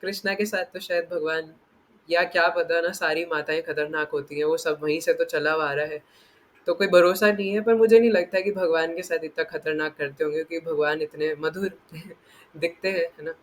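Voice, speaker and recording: Animated high-voiced man teaching scripture. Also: moderate pace. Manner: animated, acts out quotes, frequent tag questions; playful, laughs while explaining. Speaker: spiritual teacher. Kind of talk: scripture discourse.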